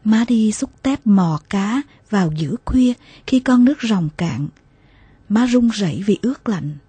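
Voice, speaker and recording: Soft, mellow woman reading a memoir. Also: mid-range voice, expressive, slightly rough, no echo, rough recording. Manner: slow, soft, emotional delivery with hushed passages. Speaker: audiobook narrator. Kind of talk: scripted memoir narration.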